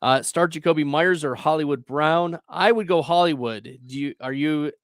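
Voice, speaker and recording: A man hosting a casual fantasy football advice chat, upbeat and quick to laugh. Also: fairly high pitch, no echo, clean studio sound. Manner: chatty, upbeat, laughs easily. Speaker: fantasy football show host.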